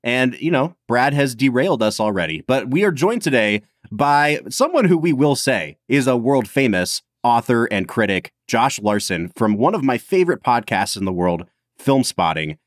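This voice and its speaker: A man co-hosting a casual podcast, his pitch moving lively up and down as he jokes with his partner. The sound is dry and close, with no room around his voice. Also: moderate pace, hardly any pauses, no room sound. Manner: playful, animated hosting with laughs. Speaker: podcast co-host.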